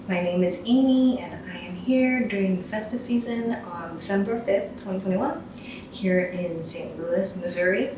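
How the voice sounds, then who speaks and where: A woman's voice: medium pitch, moderate pace. A young woman from Taiwan hosting her knitting podcast, talking casually and enthusiastically to the camera with rambling asides. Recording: very echoey room, distant mic, faint hiss.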